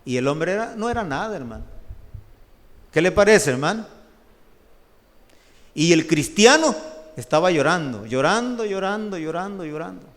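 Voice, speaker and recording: A middle-aged man with a Salvadoran Spanish accent, preaching a testimony sermon in an animated storytelling way, often addressing listeners as brother. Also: high-pitched, normal speed, long pauses. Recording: long hall reverb.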